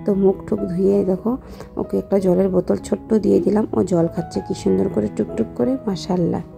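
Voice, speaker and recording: Woman, young adult, soft-spoken voice-over, just woken up, heavy vocal fry, flat delivery. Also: mid-range voice, over music. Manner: speaks softly and slowly, just woken up. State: low on voice after waking. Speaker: vlogger. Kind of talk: daily life voice-over narration.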